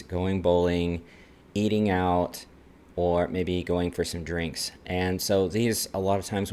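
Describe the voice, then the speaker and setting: A vlogger from Texas with an American accent talks to camera about his own life, organized as a numbered list. His voice sits low with a darkish tone.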